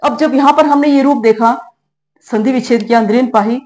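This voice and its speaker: A middle-aged woman with a slightly high voice teaches a grammar lesson. She explains each step patiently and often pauses to check that her students are following. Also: a little mellow. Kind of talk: classroom-style grammar lesson.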